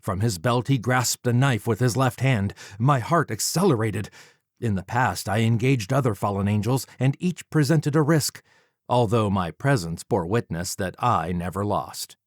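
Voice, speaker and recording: In a recording with no echo, a man with a lowish voice narrates a first-person story for an audiobook. He stays close to the microphone and reads in a dramatic, measured, deliberate way.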